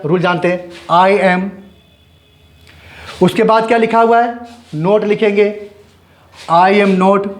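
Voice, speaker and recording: A man teaching an English grammar lesson, explaining step by step and answering his own questions. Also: high voice. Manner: spells out letters slowly and repeats words.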